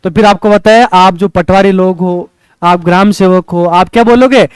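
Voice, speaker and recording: A man's voice: sits high, steady tone, normal speed, clear, resonant tone, no room sound. A male coaching teacher, lecturing a class and checking in with rhetorical questions as he teaches memory tricks.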